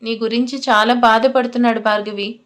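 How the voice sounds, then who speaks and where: A woman voicing a caring young man who pleads gently on a phone call between friends. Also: on the high side, steady tone, a little fast, natural voice. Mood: earnest.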